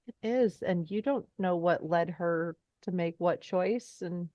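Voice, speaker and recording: Low-voiced woman chatting on a podcast. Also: unhurried, mellow, no echo, muffled recording. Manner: rambling, enthusiastic, talks in long trailing asides. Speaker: podcast guest. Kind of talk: casual chat.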